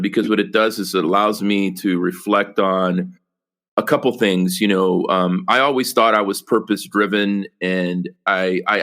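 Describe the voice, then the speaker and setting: A man's voice: on the low side, a bit bright. A man from El Salvador, a podcast guest talking earnestly about his work, with many fillers and restarts. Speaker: podcast guest, company executive. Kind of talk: casual interview conversation.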